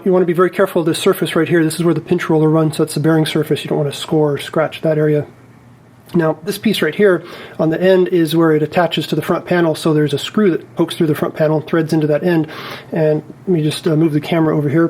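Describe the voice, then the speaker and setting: This tutorial features a man talking through a hands-on repair in the manner of a technician, going step by step with care and method though unscripted and casual. His voice is slightly high and darkish, level in tone, and a little fast.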